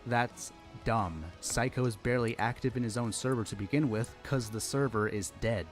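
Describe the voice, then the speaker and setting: A man's voice: mid-range voice, normal speed, soft background music. A man reading out messages with dry, wry comments in a group chat.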